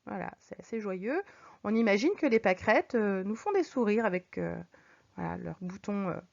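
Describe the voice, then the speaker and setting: A woman teacher explaining figures of speech to her students, patient, reading examples slowly and clearly. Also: mid-range voice, expressive, a little mellow. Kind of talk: recorded French lesson. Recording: dull lo-fi recording.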